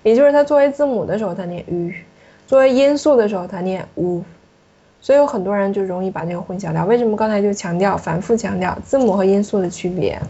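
A woman teacher explaining a pronunciation lesson, repeating points and ending phrases with soft particles. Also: mid-range voice, fast, slightly rough. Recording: muffled lo-fi recording.

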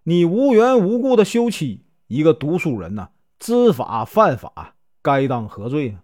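A man's voice: fairly high pitch, sing-song, a little slow, a little mellow, dry recording, studio quality. A male storyteller voicing a stern county magistrate who scolds and questions from the bench.

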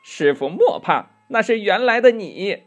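A man's voice: high voice, big pitch swings, measured pace, fairly bright tone, highs cut off, voice pushed up, exaggerated voice. A man voicing a clever, cheeky monkey king disciple who talks confidently and teasingly in a children's story.

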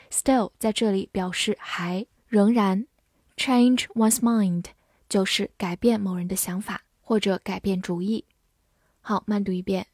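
A woman teaching English vocabulary. She spells words out letter by letter and repeats phrases slowly. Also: medium pitch, a little mellow, no room sound, studio quality. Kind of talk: vocabulary lesson with slow read-alouds.

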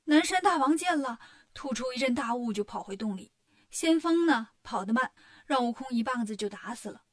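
High-voiced woman telling a kids' story. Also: expressive, moderate pace. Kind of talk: children's story narration.

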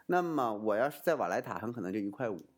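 A man's voice: fairly low pitch, fast, soft background music. A man advising on study abroad in casual explanatory talk, asking himself rhetorical questions and often restarting with fillers. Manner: animated, swooping intonation.

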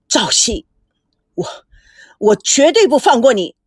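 A woman voicing an enraged male company chairman in his fifties who shouts threats. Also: very high voice, sing-song, takes it slowly, slightly rough, no echo, studio quality, full character voice. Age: 50s. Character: furious middle-aged male company chairman.

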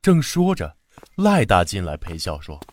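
A man narrating a classic tale for children in a gentle, expressive way. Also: low voice, unhurried. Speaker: storyteller.

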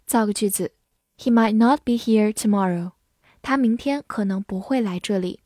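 A woman teaching English vocabulary in Chinese, spelling each word letter by letter and reading example sentences slowly and carefully. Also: medium pitch, dark tone, dry recording, studio quality. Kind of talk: scripted vocabulary lesson.

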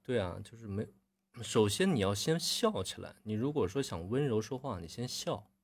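A man with a low-pitched, somewhat husky voice coaches students' readings on a live stream. He corrects them in a relaxed tone and clears his throat often. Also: moderate pace.

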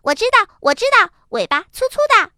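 A woman voicing an excitable, boastful little bunny who keeps repeating herself. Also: brisk, no room sound, clean studio sound, exaggerated voice. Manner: shrill, eager, repeats itself.

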